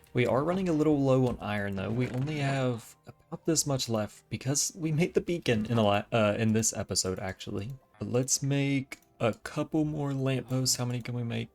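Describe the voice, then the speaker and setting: This gaming channel host has a mid-range voice made slightly raspy by allergies, and he chats easily to himself while building in a video game. Faint music runs in the background of the relaxed gameplay commentary.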